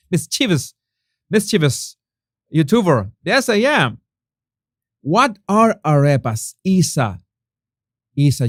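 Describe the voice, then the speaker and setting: A Venezuelan YouTube host speaks English with a Spanish accent in a mid-range voice, recorded in a dry, studio-quality room. He chats casually while reading viewer comments, restarting sentences, using lots of fillers and laughing at his own jokes.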